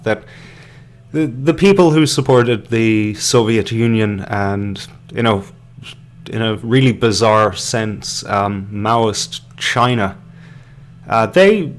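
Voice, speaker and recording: An Irish man hosting a podcast live stream, rambling through hesitant casual commentary with many fillers and restarts, sipping beer as he goes. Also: fairly low pitch. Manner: drinking beer while talking. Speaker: podcast host.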